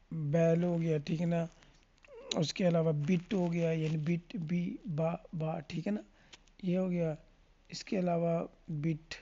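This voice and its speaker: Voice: medium pitch, dark tone, muffled recording, slight background noise. A teacher giving a classroom lesson on letter sounds, asking questions and answering them and often checking in with the listener. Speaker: English phonics teacher.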